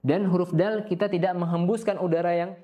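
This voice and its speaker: A man teaches careful tajwid recitation, slowly drawing out each verse as a demonstration, then explaining it briskly. He tags "ya" onto nearly every phrase and clears his throat now and then. His voice sits high, with a steady, warm tone.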